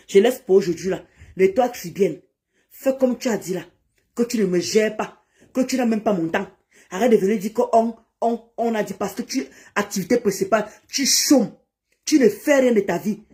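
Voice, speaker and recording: A woman on a live stream, confrontationally scolding and insulting someone, swinging between shouting and low muttering. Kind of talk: heated live-stream rant.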